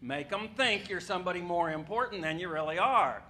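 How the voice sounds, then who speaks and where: Man doing deadpan stand-up. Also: high-pitched, fairly quick. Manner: deadpan punchlines, addresses the crowd. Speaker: stand-up comedian. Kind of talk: stand-up comedy set. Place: comedy club stage with a live audience. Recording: live club recording with audible room noise. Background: audience laughter.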